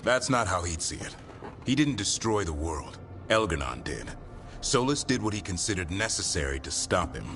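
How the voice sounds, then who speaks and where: A super deep grave game companion, steady, voice moves around a lot. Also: male voice, moderate pace, faint music behind, full character voice. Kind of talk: video game dialogue.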